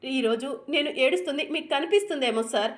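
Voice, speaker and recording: A woman's voice: high voice, expressive, quick pace. A woman voicing a wronged young wife who reproaches her husband, ending her questions with "sir". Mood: tearful, reproachful.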